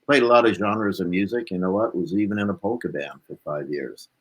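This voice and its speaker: A deep-voiced Canadian blues musician, a guest in a casual interview, talks briskly and wanders from story to story.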